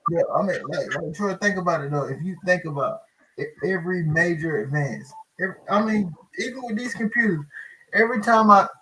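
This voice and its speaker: Higher-voiced man chatting over background noise. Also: a little fast. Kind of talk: casual group discussion.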